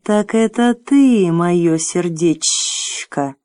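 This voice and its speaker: A woman's voice: on the low side, expressive, a little mellow, dry recording, studio quality. A woman voicing a scheming, cruel female dragon who hisses and drawls with false sweetness in an audiobook. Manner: hissing, sneering, slow and drawn out. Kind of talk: audiobook character voice.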